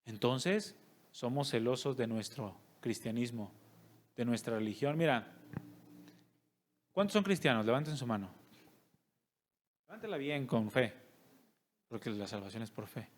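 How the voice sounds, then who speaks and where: A man's voice: mid-range voice, expressive, unhurried, long pauses. A male pastor, preaching a sermon and putting rhetorical questions to his congregation. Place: church service.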